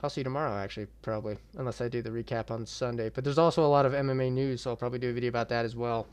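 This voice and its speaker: A man's voice: medium pitch, fairly even intonation, very fast, darkish tone, clean tone. A young man hosting his own MMA channel, ranting in a heated, profane and blunt way about a boxing match. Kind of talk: ranting reaction vlog.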